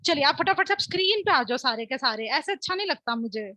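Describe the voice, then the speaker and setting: A woman teaching an online class through a playful word game, encouraging her pupils and drilling words slowly and clearly. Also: high voice, animated, sharp tone, no room sound. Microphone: video call.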